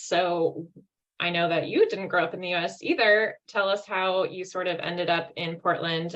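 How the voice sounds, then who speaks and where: A woman's voice: on the low side, fairly bright tone. A woman moderating a panel discussion, asking questions and directing turns. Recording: dull, lo-fi.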